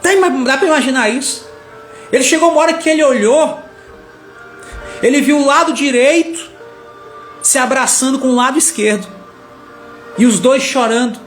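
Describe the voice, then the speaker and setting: A man preaching a sermon as a story, animated and acting out the characters' lines. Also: extremely high pitch, normal speed, pauses often. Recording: echoey room with faint music.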